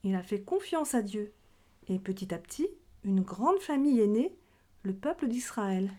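A woman's voice: medium pitch, big pitch swings, moderate pace, a little mellow. A woman teaching a children's religion lesson, explaining things simply as if speaking to young listeners. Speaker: catechism teacher. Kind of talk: children's religion lesson in question-and-answer dialogue.

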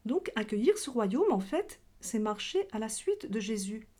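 A woman's voice: fairly high pitch, very animated, unhurried, dark tone. A woman teaching a children's religion lesson, explaining things simply as if speaking to young listeners. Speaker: catechism teacher. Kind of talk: children's religion lesson in question-and-answer dialogue.

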